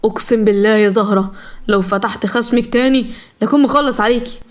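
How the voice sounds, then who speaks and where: A woman's voice: a little high, quick pace, natural voice. A woman playing a cold, threatening husband. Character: harsh, controlling male husband and captor.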